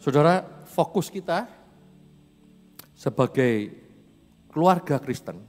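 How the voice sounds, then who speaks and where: Animated man preaching in a church hall. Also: fairly high pitch, slow pace. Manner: chatty, animated storyteller who laughs often. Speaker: pastor. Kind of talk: sermon with personal storytelling. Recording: reverberant church hall, faint music.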